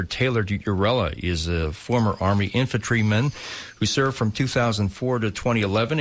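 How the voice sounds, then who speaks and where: Deep-voiced male radio host. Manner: measured introductions with frequent "uh" fillers. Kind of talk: radio interview. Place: radio studio.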